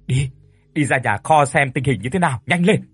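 A man's voice: mid-range voice, lively intonation, normal speed, a bit bright, husky, dry recording, soft background music. A man voicing an angry, cruel older male landlord who barks bullying orders at his servants. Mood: furious.

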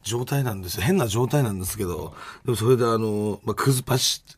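A man chatting casually on a comedy podcast, his voice hoarse and husky after a day of shouting. He talks quickly but rambles, with lots of filler words. The strain is in every word. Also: fairly low pitch. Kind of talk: casual chat.

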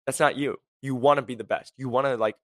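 A young man rattles through a motivational podcast at a quick clip, blunt and fired up. His voice sits at an ordinary pitch and sounds close and dry, with no room around it. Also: fairly even intonation, a bit bright, no echo. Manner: high-energy, blunt, fast-talking, lots of "like" and "right?". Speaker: podcast host. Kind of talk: motivational career podcast talk.

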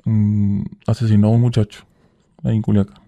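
A man's voice: lowish voice, level tone, a little fast, mellow. A young man, a guest in a casual interview, telling his story in slang and acting out the dialogue. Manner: slangy, acts out quoted dialogue. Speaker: guest, former cartel worker.

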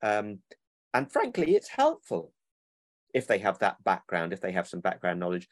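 A man's voice: low voice, huge pitch swings, normal speed, no echo. A man, a children's book publisher who rambles and corrects himself in a casual interview over a remote call.

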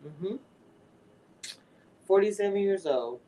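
A woman's voice: medium pitch, expressive, mellow, slight background noise, rough recording. Chatty woman in her forties livestreaming. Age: 40s. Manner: chatty, drawn-out, talks to viewers. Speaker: livestream host. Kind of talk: casual livestream chat.

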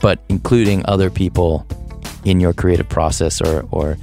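A podcast host in his thirties delivers a reflective monologue, thinking aloud in a loose, hesitant way with restarts and laughs. His low voice is steady, slightly mellow and at normal speed, with faint music behind him.

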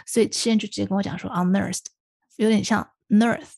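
Gravelly-voiced woman co-hosting radio. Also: medium pitch, level tone, rapid-fire, darkish tone, dry recording, studio quality. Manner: asks questions and gives examples in Mandarin. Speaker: radio co-host. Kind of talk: casual radio chat.

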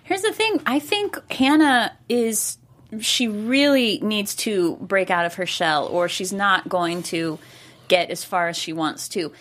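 A woman's voice: medium pitch, lively intonation, slow, a bit bright. Chatty woman hosting a review show. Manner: chatty, rambling with restarts. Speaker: host. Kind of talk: casual review chat.

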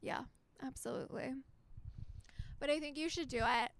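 A woman's voice: high voice, normal speed. A young woman co-hosting a podcast, giving upbeat advice in casual chat, with emphatic "literally" and "like". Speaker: podcast co-host.

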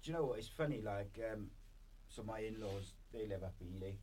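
A low, dark-toned male voice speaks a little fast as a Welsh-accented podcast host who rambles informally and says "like" often. There is background noise, but the recording is clear.

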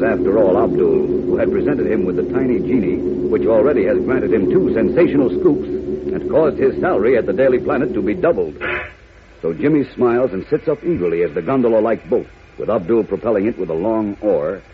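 A man's voice: low voice, very noisy. Theatrical male narrator, tinny old radio. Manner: suspenseful, theatrical. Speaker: radio serial narrator and announcer. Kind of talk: dramatic 1940s radio narration. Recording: tinny 1940s radio recording with music.

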